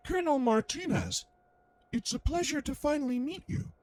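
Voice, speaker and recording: A woman's voice: sits high, lively intonation, normal speed, a little mellow. A woman voicing a cold, condescending android that wears a male soldier's body and speaks in an artificial voice. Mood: calm menace.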